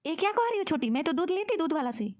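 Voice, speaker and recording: A woman's voice: very high voice, big pitch swings, fast, darkish tone. A woman voicing a complaining aging woman who pretends to be forgetful in a cartoon. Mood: indignant. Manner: complaining, whiny. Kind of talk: cartoon voice acting.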